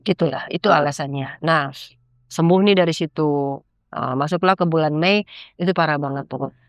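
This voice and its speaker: A woman's voice: low voice, normal speed, no room sound. A middle-aged woman, a podcast guest, giving an earnest, preachy personal testimony and acting out her own pleas in a rising voice.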